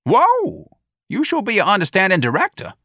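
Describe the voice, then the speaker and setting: Sardonic streetwise wisecracker voiced by a male reader, high-pitched, jeering banter. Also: huge pitch swings, moderate pace, bright, forceful tone, no echo, studio quality, full character voice. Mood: sarcastic. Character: wisecracking man, sarcastic and streetwise.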